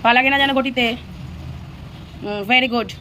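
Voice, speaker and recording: A woman's voice: sits high, steady tone, a little slow, background noise. A woman vlogging at home, narrating her day and patiently guiding her child through chores with repeated instructions. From Bengal. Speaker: mother vlogger. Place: home, indoors.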